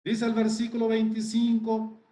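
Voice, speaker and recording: A man preaching a sermon, explaining scripture in a deliberate, emphatic way and exclaiming in wonder. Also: high voice, completely flat delivery, mellow, reverberant.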